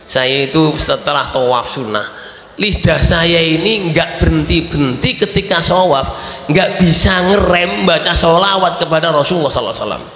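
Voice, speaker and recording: A man with a Javanese accent preaching a storytelling sermon to an audience, animated and at times shouting. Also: fairly high pitch, normal speed, a little hiss or hum. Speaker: kyai preacher. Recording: reverberant hall with faint ambience.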